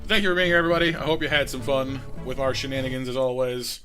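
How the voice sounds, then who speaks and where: A man live-streams a game, chatting playfully with his chat and singing silly bits, his voice growing scratchy late in the session. His medium-pitched voice is quick with little pitch movement, and music plays in the background.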